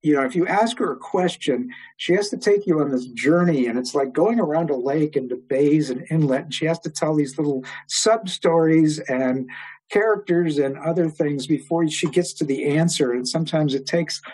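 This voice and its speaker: An older man, an interview guest, telling long stories in a rambling way with many pauses and fillers. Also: fairly high pitch, a little mellow, slightly rough, low-quality recording. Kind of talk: oral history storytelling.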